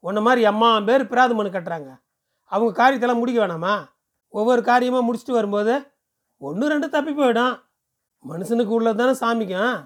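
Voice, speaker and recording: A man voicing a pushy, smooth-talking male temple ticket seller who lectures briskly and persuasively. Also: high-pitched, lightly acted. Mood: brisk lecturing.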